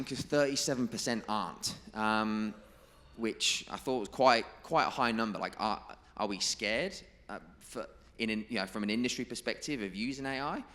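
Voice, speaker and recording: Male conference speaker, lowish voice, presenting to a room with emphatic, deliberate stress. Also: fairly bright tone. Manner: emphatic, repeats key figures and quotes slowly. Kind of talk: presentation to a live audience.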